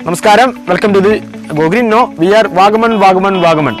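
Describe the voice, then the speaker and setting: High-pitched, halting Malayali man over music. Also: rough recording. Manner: halting, repeats words, Malayalam with some English words. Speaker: vlog presenter. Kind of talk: casual vlog talk.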